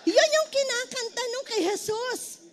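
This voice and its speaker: Filipino lady pastor, really high voice, emotional preaching, sings bits of hymns. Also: unhurried, a crowd in the background. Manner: emotional, breaks into song. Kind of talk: sermon.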